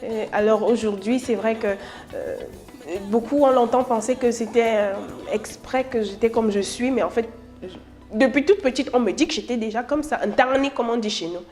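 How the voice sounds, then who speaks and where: A woman's voice: on the high side, normal speed, darkish tone, faint music behind. A Cameroonian woman in her thirties, a musician introducing herself in an interview in a playful, chatty way, slipping between French and English. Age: 30s.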